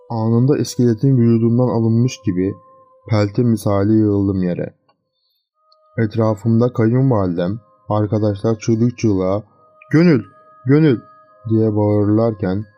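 A man narrating a horror story in the first person, in a slow, measured, scripted telling. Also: on the low side, dull audio. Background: faint eerie music.

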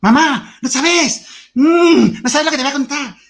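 An eager little child tumbles over his words as he rushes to tell his mother everything, acted out by a man. The voice shoots up very high and stays breathless and gushing. It is a quick put-on inside a talk. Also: a bit bright. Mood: excited. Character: excited little child telling mom about the zoo.

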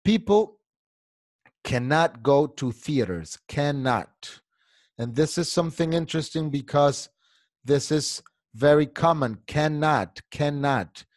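A man teaching an online English class, repeating English phrases slowly and switching to quick Spanish explanations. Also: on the high side, no room sound, clean studio sound. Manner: switches between slow drilled English and quick Spanish asides.

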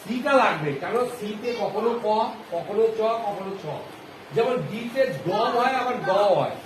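A male primary school teacher giving a phonics lesson to a class, often asking questions and repeating answers slowly. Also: sits high, expressive. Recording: echoey classroom with background noise.

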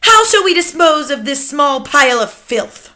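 Screechy witch mob, woman reading it, very high and bright, gushing. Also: big pitch swings, moderate pace, full character voice. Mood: shrill. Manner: shrieking, eager, fawning. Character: shrill excited crowd of witches.

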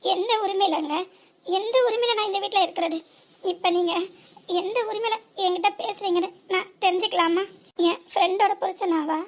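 A hurt young cartoon wife, played by a woman, pressing bitter questions one after another. Her voice is very high and close to the performer's own. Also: moderate pace. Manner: reproachful questioning. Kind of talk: cartoon voice acting.

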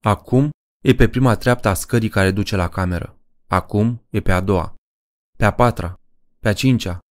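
A man reading a horror story aloud as an audiobook narrator, in a measured, deliberate way. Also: on the low side, dry recording, studio quality.

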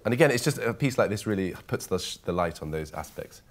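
A man with a fairly low voice speaks fast while giving a one-on-one music masterclass. He coaches in an animated way, searching for words and often restarting his phrases.

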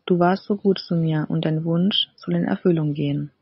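A woman voicing a patient magic golden fish, the sea king's son, who speaks calmly and grants wishes in a storybook. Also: low-pitched, normal speed, husky, dry recording. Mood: gentle. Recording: slightly dull, dry recording.

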